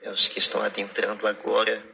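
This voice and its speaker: A man's voice: lowish voice, monotone, fast talker, vocal fry, pushed and bright, slight background noise. A man preaching on a live stream, fervent and peppered with amens. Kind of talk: livestreamed sermon.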